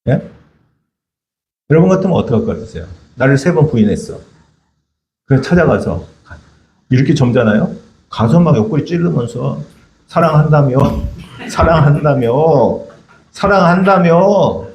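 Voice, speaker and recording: A man's voice: medium pitch, animated, creaky, mellow, muffled recording, slight background noise. Man preaching in an echoey church. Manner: conversational, keeps asking the congregation "예?"; reads Bible verses slowly in English and Korean. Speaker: missionary preacher. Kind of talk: sermon.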